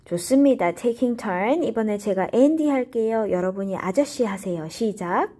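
A woman teaching Korean, explaining grammar in English and modelling short dialogue lines slowly for learners to repeat. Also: medium pitch, expressive, mellow. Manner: plays both roles in short dialogue drills. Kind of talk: slow bilingual lesson with repeat-after-me drills.

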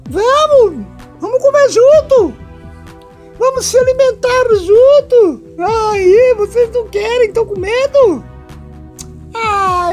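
A tiny toy doll with a Brazilian Portuguese accent, whose voice sits extremely high and squeaky. He drags his words out slowly in a whiny, tearful plea. Faint music plays behind him. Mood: whiny pleading. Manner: whiny, tearful pleading with frequent giggles. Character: squeaky little male toy doll, needy and eager for friends. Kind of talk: comic voice-over for a home video.

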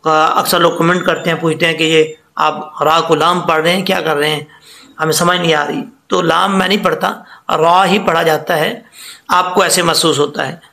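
A man's voice: on the high side, fairly even intonation, normal speed, vocal fry, pushed and bright, roomy sound. A man teaching Quran recitation rules, patiently explaining each letter and drawing out the example words to demonstrate them. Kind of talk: tajweed lesson.

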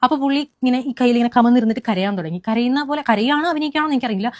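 A woman's voice: on the high side, dry recording, lo-fi sound. A young woman, animatedly retelling what happened to her in an eyewitness account. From Kerala, India. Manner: rapid, animated retelling with many restarts. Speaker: eyewitness recounting an incident. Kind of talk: first-person account.

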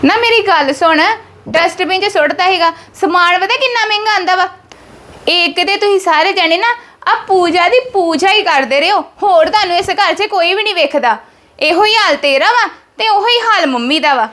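Very high-voiced woman, complaining. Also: moderate pace, a bit bright. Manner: complaining, scolding. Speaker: actor playing a resentful daughter-in-law. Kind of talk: family drama skit acting.

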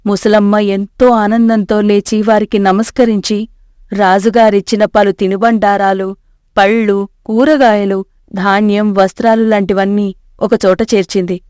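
A woman narrating a scripted storybook tale in a steady, measured way. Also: medium pitch, no room sound, clean studio sound.

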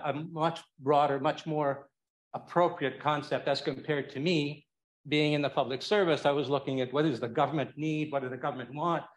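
An older man giving an informal, anecdotal speech to an audience, rambling and hesitating as he goes. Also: on the high side. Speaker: speaker giving closing remarks. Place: indoor lecture room, speaking through a face mask. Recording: echoey room, voice off-mic at times.

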